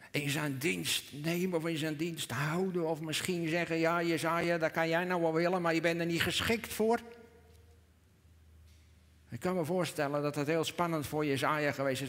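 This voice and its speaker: A man, preaching a sermon in church, earnest, rising to emphatic peaks and dropping to a hush. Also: a little high, moderate pace. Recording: long reverb of a church hall.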